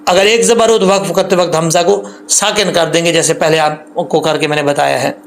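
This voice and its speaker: A man teaching tajweed rules patiently, repeating points and drawing out the recited syllables slowly. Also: fairly high pitch, fairly even intonation, gravelly, slight background noise. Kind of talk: tajweed lesson with slow recited examples.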